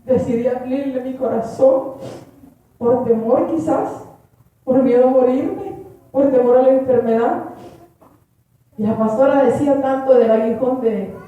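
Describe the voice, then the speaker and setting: A woman's voice: high voice, unhurried, long pauses, dark tone. A woman giving an earnest church testimony, praying aloud and speaking to the congregation as brothers and sisters. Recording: echoey church hall from far off.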